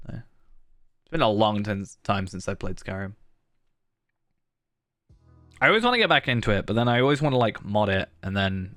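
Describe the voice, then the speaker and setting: A man's voice: fairly low pitch, a bit bright, no echo. A man giving casual commentary on a game he plays, rambling and musing aloud. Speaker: gaming video host.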